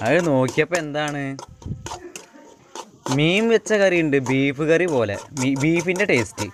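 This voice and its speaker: With music playing behind him, a fairly high-pitched man from Kerala speaks at a measured pace with lively intonation. He's a home cook and vlogger casually showing viewers his cooking at a wood-fire spot at home, rambling and repeating phrases. Pans clatter and clicks sound through the noisy self-shot recording.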